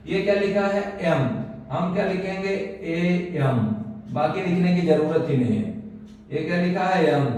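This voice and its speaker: Man teaching in an echoey room. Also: high-pitched. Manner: questions the class and answers himself. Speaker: coaching teacher. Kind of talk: classroom grammar lesson. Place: classroom. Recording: echoey room, mic far off.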